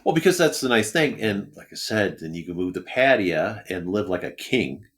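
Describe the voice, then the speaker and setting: A man's voice: lowish voice, sing-song, moderate pace, a bit bright. A man hosting a casual interview, mostly giving short agreeing replies. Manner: brief agreeing backchannels. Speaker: podcast host.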